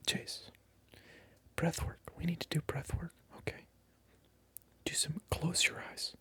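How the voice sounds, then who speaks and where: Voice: medium pitch, flat delivery, takes it slowly, sharp tone. A person performing a whispered ASMR monologue close to the microphone, addressing the viewer in a teasing, mock-indignant, repetitive way. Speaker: ASMR video creator.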